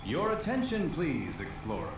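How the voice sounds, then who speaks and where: A man making a theatrical courtesy announcement to visitors over a PA loudspeaker. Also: mid-range voice, huge pitch swings, normal speed, vocal fry. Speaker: park announcer. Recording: echoey loudspeaker heard from far off over ride noise.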